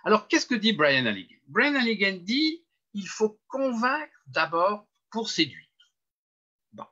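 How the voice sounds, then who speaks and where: An older French man gives a marketing webinar, lecturing emphatically and poking fun at himself. His voice is high and sing-song with a sharp tone, and he takes his time. The audio is muffled and lo-fi, picked up by a computer mic.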